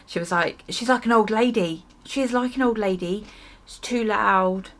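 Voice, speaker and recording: A woman vlogger tells a casual story to her viewers as she gets ready, wandering off track, breaking into her own sentences, and chuckling. Her medium-pitched voice is fairly bright and moves at a moderate pace.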